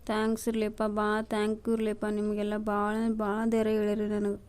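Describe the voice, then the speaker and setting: Woman doing a sad village lady in a cartoon, north karnataka accent, mellow and kinda flat. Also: medium pitch, fast talker, smooth, close to an everyday voice. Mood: plaintive. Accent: North Karnataka Kannada. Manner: mournful, plaintive. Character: grieving middle-aged village woman. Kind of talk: cartoon comedy voice acting.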